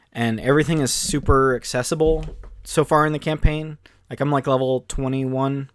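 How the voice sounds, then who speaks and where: Man, podcast co-host, casual excited chat, rambling with fillers, mid pitch, dry sound. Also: no room sound.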